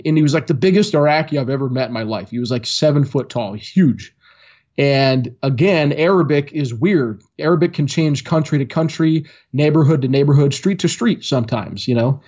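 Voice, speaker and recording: A man tells his stories with lively energy and jumps into other voices when he quotes people. His voice sits in an ordinary middle range. The audio is a little dull and muffled. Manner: animated storyteller, acts out quotes with raised pitch. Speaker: guest, former Marine. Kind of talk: casual storytelling.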